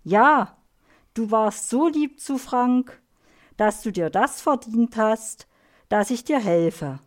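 A woman voicing a calm, fair female carer who speaks gently and soothingly in a storybook. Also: fairly high pitch, takes it slowly. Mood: gentle.

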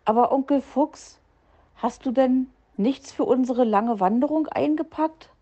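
A small boy fox cub with a raised, childlike voice, earnest and a little whiny as he complains to his uncle, as a woman reading a storybook puts him on. The voice sits in a mellow register, and the recording is slightly dull and lo-fi. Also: high voice, unhurried, voice pushed up. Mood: plaintive. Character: small eager young male fox cub.

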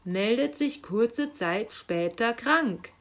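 A woman's voice: on the high side, expressive, takes it slowly. A woman reading aloud and voicing a grumpy, stubborn old Saint Nicholas who grumbles. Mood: grumbling. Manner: gruff grumbling delivery.

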